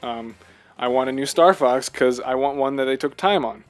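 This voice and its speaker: Soft background music plays as a man co-hosts a podcast's casual video game talk. Medium-pitched and moderately paced, he sounds earnest and emphatic, frequently posing rhetorical questions.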